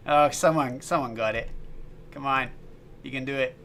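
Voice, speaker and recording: A man's voice: medium pitch, normal speed, vocal fry, a bit bright. A man chatting casually on a livestream while making music, laughing often and restarting his sentences. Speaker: streamer and musician.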